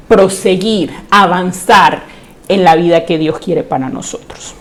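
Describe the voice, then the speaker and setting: A woman's voice: medium pitch, a little mellow. Earnest Panamanian woman preaching. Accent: Panamanian Spanish. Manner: earnest, slows down to read scripture aloud. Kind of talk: online church sermon.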